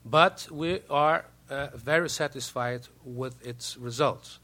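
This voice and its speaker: A man's voice: mid-range voice, slow pace, bright, forceful tone. A Brazilian man, a native Portuguese speaker, giving formal remarks as a diplomat in broken English, hesitating often and repeating words.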